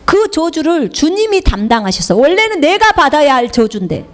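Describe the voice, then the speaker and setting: High, animated woman preaching emphatically. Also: brisk. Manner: emphatic, repeating phrases for the congregation to echo. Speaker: missionary preacher. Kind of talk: sermon with call-and-response.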